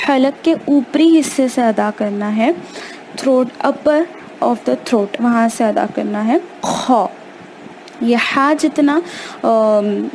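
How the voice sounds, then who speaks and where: A woman teaching Arabic letter pronunciation, reciting slowly and explaining step by step with patient repetition. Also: high voice, a little mellow, slight background noise, low-quality recording. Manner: slow, measured recitation. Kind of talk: recited prayer and slow letter drill; explanatory lesson.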